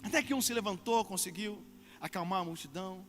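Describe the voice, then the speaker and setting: A man preaching as a pastor at a church service, swelling loudly for emphasis and drawing out words. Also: high-pitched, a little fast, big-room sound. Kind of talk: sermon.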